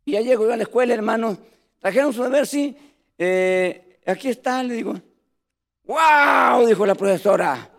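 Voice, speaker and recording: A man's voice: high voice, a little fast, darkish tone. A man preaching a sermon, telling stories animatedly and calling his listeners brothers.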